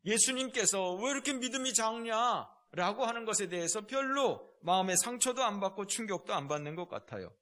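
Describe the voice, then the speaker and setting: A male pastor preaching a sermon in a lively way, acting out quoted lines in shifting tones. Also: high-pitched, normal speed, few pauses.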